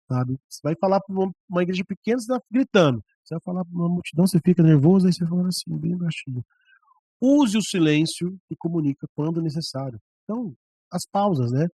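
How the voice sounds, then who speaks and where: A man's voice: a little high, husky, no echo. Brazilian man giving a conversational lecture. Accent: Brazilian Portuguese. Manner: conversational, often demonstrating with voice and mic. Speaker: church leadership teacher. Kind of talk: classroom lecture on preaching. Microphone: microphone on a stand, about ten centimeters away.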